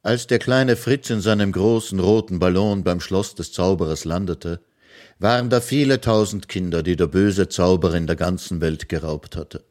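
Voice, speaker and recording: A man narrating a children's story in a calm, measured way. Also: low-pitched.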